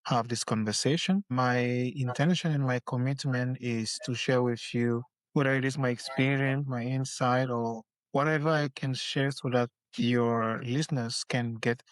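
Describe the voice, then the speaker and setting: A man talks earnestly in a podcast interview. He picks his words with care and restarts now and then, at a middle pitch. The sound is close and dry, with no room around it. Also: fairly even intonation, unhurried, hardly any pauses, no room sound. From Cameroon. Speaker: podcast guest, career strategist. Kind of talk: conversational interview.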